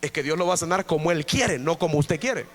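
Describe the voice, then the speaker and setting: Bright-voiced male pastor preaching. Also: a little high, animated, brisk, big-room sound. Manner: emphatic preaching with many repetitions, often addressing listeners as brother. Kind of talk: evangelical sermon. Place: church during an evening service.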